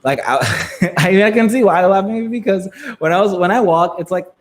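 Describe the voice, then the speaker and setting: A man in his twenties telling a story to a live chat in a casual, filler-heavy way. He laughs often and swings between loud and soft. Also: high-pitched, quick pace, a little hiss or hum. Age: 20s.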